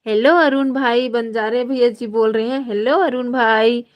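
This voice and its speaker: Slow-talking high-voiced woman live streamer. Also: fairly even intonation, lo-fi sound. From Chhattisgarh, India. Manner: slow, drawn-out friendly addressing of viewers by name. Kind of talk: casual live chat reading viewer comments.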